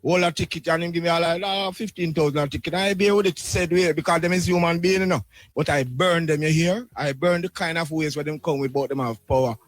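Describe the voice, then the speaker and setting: A man's voice: a little high, a little fast, no echo. A middle-aged or older Jamaican man testifying in Rastafarian speech, with devotional greetings and repeated tags.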